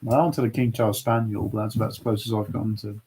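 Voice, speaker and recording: Jokey man with a husky voice. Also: on the low side, steady tone, quick pace, warm tone. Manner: jokey, playful banter. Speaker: livestream co-host. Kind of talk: casual chat.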